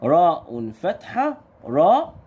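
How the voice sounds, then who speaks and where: A man with an Egyptian Arabic accent teaching young pupils their letters, stretching sounds out slowly and firing quick questions at the children. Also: on the high side, wildly swooping pitch, husky, narrow, tinny audio. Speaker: primary school Arabic teacher. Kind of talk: recorded lesson for young children.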